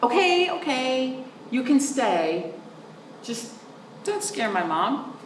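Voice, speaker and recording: High-pitched and animated, a children's librarian reads a story aloud for young children in a sing-song voice full of drawn-out words. She pauses to explain words in simple language. Faint noise and a roomy echo come from the distant mic placement.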